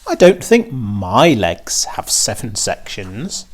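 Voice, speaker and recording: A man's voice: lowish voice, huge pitch swings, slow pace, husky, full character voice. A man voicing an eager, boastful young pig, cheerful and naive, in a children's storybook. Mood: curious. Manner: exclaiming, earnest.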